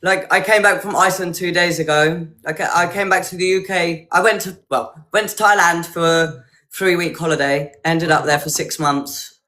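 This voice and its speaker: A woman from Hertfordshire with a bright, forward voice. She talks in a casual, rambling way, as a contestant chatting over a video call. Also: on the low side, fairly even intonation, normal speed. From Hertfordshire, England. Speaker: dating show contestant. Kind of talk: casual chat.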